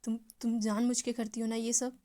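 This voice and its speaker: A woman voicing a headstrong young woman who snaps back with sharp, resentful lines. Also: mid-range voice, a little slow, close to an everyday voice. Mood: angry.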